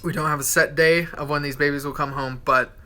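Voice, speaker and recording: A young man hosting a live vlog, chatting casually with playful, animated asides. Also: fairly high pitch, fairly quick. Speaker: vlog host. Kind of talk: casual live-stream chat.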